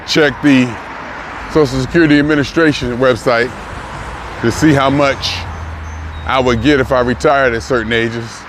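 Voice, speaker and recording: Older man, early sixties, reflective vlogger, halting and musing, walking a busy street, audible traffic behind. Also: mid-range voice, fairly even intonation. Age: 60s. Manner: musing, halting, thinks aloud with pauses and restarts. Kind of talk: reflective personal vlog. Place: outdoors on a city street, walking. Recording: outdoor traffic noise. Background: passing cars and street noise.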